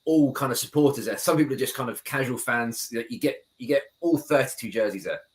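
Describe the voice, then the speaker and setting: A man's voice: medium pitch, quick pace. A man from the UK hosting a fan podcast, asking brief, friendly questions in casual chat. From United Kingdom. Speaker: podcast host.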